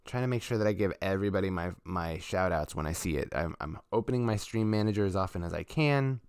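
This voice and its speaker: A man's voice: sits low, animated, fast talker, darkish tone, clear, resonant tone, no echo, studio quality. A man chatting casually on a live stream as a musician, talking loosely with lots of fillers. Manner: laid-back, rambling, chatty with fillers.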